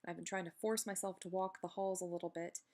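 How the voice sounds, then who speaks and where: A woman's voice: on the low side, steady tone, quick pace, darkish tone. A woman giving a casual, chatty video update while recovering the day after surgery, candid and self-deprecating, wandering into digressions. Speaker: video blogger giving a personal health update.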